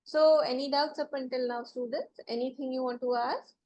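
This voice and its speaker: High-pitched woman teaching a class. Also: steady tone, normal speed, darkish tone. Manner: explains step by step, often checking for understanding. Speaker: biology teacher. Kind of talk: classroom lecture with questions to students.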